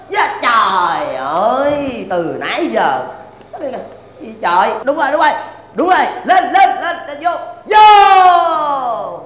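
A man's voice: extremely high pitch, a little hiss or hum, exaggerated voice. An actor playing a bickering, melodramatic father in a comedy sketch, speaking with an exaggerated, pleading delivery. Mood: excited cheering. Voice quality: lively, wailing, exaggerated pleading. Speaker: comic actor in a stage sketch.

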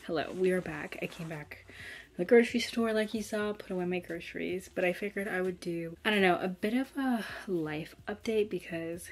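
Young woman, casual vlog chat, relaxed, filler-heavy, roomy recording. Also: lowish voice, brisk, slight background noise. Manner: chatty, relaxed, lots of likes and ums. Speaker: vlogger. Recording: roomy echo.

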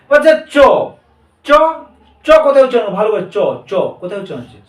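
A male teacher leads a grammar lesson, drilling his class with call-and-response questions and echoing their answers back. His voice sits high and has a darkish tone, and his delivery is animated and rapid-fire. The mic is far off in an echoey room.

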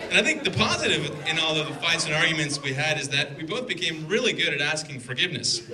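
With a fairly high, sing-song voice and a fast delivery, a man in his twenties gives his best-man toast, reading notes into a handheld microphone. His teasing is dry, and a crowd of laughing guests can be heard behind him in the indoor reception hall.

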